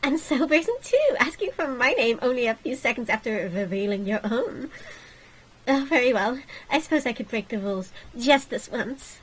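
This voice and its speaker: A woman's voice: on the high side, very animated, breathy edge, rough recording. A woman voicing a haughty young mermaid princess who speaks in a pompous, aristocratic way. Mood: imperious. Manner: pompous, drawn-out aristocratic delivery.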